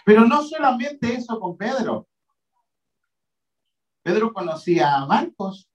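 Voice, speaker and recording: A man with a Rioplatense Spanish accent, preaching a sermon as pastor with emphatic pauses and repeated amens. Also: high voice, very animated, distant mic, highs cut off.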